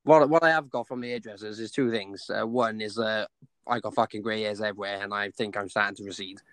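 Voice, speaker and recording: A man's voice: on the low side, fairly even intonation, fast, fairly bright tone, no echo. A young man on a podcast telling a funny story in casual chat, swearing often and acting out what other people said. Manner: swears a lot, laughs at his own story, acts out quotes. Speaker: podcast co-host.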